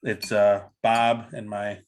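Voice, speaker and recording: A man's voice: fairly low pitch, flat delivery, slow, a little hiss or hum. A man co-hosting a casual podcast, explaining things at length with plenty of fillers and restarts. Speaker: podcast co-host. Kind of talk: casual chat.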